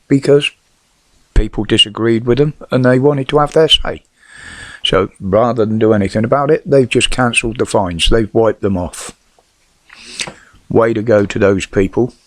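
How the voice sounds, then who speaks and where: A middle-aged British man with a lowish voice talks at a moderate pace, his false teeth making his s sounds whistle. He gives blunt, casual, sweary opinions on the news, full of rhetorical questions.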